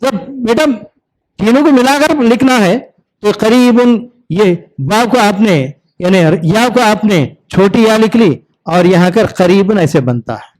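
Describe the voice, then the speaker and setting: A man teaching other teachers to read Arabic script, drawing out each syllable in slow repetition drills between plain explanations. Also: sits high, expressive, darkish tone, low-quality recording. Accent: Indian Urdu-Hindi speaker. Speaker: Arabic reading teacher training instructors. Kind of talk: classroom lesson.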